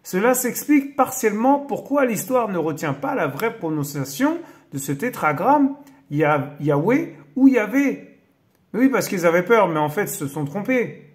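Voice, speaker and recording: A man's voice: sits high, very animated, moderate pace, hardly any pauses. A man hosting a casual Bible teaching video, reading a text aloud and breaking off with amazed exclamations and hesitant asides. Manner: hesitant, many fillers when explaining.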